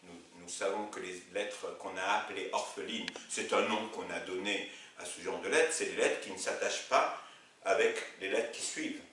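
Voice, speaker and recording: An Arabic teacher with a low-pitched, sharp-toned voice works at a board, explaining slowly and patiently with lots of repetition. He often tells his students "regardez," and he's recorded from a distance in an echoey room with faint noise.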